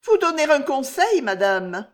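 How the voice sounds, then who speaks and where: A woman voicing a frightened young chambermaid who pleads in a trembling, high voice. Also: big pitch swings, a little slow. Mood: pleading, frightened.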